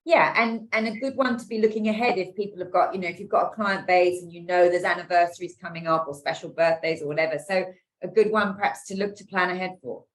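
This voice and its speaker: A woman's voice: lowish voice, fairly even intonation, fast. A woman from the UK interviewing a cruise executive for a trade publication, chatty and encouraging.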